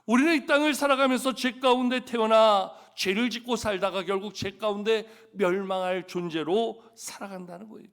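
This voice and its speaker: A man pastor preaching a Sunday sermon at a church service, telling stories and putting rhetorical questions to the congregation. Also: sits high.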